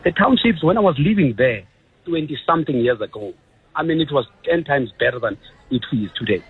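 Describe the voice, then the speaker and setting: A man with a South African accent calling in to a radio show, emphatic and complaining, with loud rises in his voice. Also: fairly high pitch, animated, brisk, breathy edge. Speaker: radio caller. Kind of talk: phone-in opinion. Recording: lo-fi phone line.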